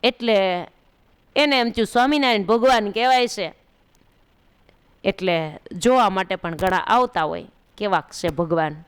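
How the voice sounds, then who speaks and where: A woman's voice: mid-range voice, measured pace, pauses often, clean tone. A woman narrating a devotional story as a religious storyteller, acting out the characters' words. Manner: narrates with acted quotes of characters. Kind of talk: devotional katha sermon.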